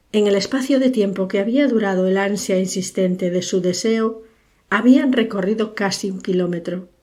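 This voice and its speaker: A woman narrating a literary story for an audiobook, in a measured, unhurried storytelling manner. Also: medium pitch, mellow.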